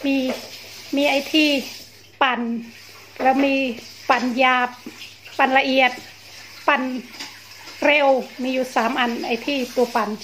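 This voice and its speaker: A woman's voice: high voice, level tone, a little slow, long pauses, fairly bright tone, slight background noise, poor audio. A middle-aged woman from Thailand chatting playfully and casually as she narrates a home cooking vlog. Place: small home kitchen, indoors.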